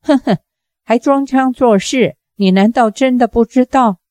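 A woman doing a sulky, sharp-tongued young swordswoman. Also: fairly high pitch, unhurried, no echo, voice pushed up, lightly acted. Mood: resentful. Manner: cold, scolding.

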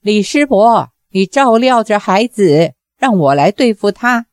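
一位女性朗读者演绎一位彬彬有礼的年轻男侠客，语气恭敬沉稳。. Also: female voice, mid-range voice, a little slow, no room sound. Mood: courteous. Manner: polite, steady. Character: courteous young male swordsman hero. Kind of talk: audiobook character voice.

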